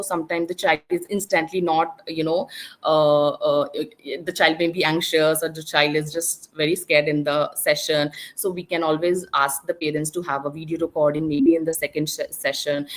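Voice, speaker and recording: A woman's voice: lowish voice, rough recording. Woman speech therapist giving an online talk. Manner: explanatory, many fillers and restarts. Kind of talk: online symposium presentation. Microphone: video call.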